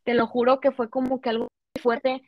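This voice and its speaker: Woman, young adult, high-ish voice, emotional storytelling, casual chat, dry sound. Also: flat delivery, fairly quick, no echo, highs cut off. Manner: emotional, heartfelt storytelling with many fillers. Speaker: guest sharing a testimony. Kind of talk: casual conversation.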